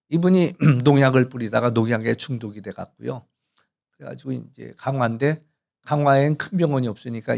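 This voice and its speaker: A man preaching in a church as its pastor, with a gravelly, rough-edged voice at an ordinary pitch. He tells stories in a relaxed, conversational way and clears his throat now and then. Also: muffled recording. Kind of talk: sermon with storytelling. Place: church sanctuary.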